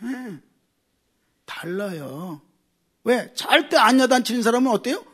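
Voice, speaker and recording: Animated, husky-voiced Korean pastor preaching. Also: male voice, extremely high pitch, a little slow. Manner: animated, swings from loud exclaiming to quiet asides. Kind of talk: sermon.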